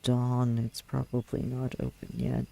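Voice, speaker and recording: Slow, creaky-voiced man musing over a game. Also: mid-range voice, monotone, warm tone. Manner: musing, hesitant, thinking aloud. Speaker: player narrating a video game. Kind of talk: casual game playthrough commentary, reading in-game text aloud.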